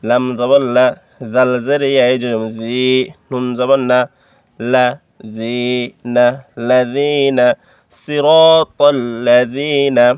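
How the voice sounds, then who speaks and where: A man with a Bangladeshi Bengali accent teaching Quran reading, spelling out each letter and vowel mark one by one, then reciting the words slowly and drawn out. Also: mid-range voice, flat delivery, clear, resonant tone, no room sound.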